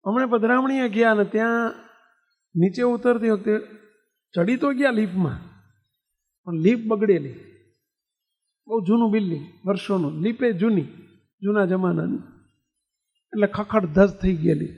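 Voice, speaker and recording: A man's voice: high-pitched, moderate pace, long pauses, darkish tone. A swami gives a religious discourse to a congregation. He keeps asking the listeners questions and leads them in call-and-response chanting. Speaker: swami preacher. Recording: dull lo-fi sound with long hall reverb.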